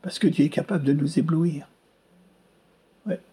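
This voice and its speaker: A preacher giving a sermon, emphatic, asking rhetorical questions and piling up repeated phrases with sweeping rises in pitch. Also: fairly even intonation, normal speed, warm tone.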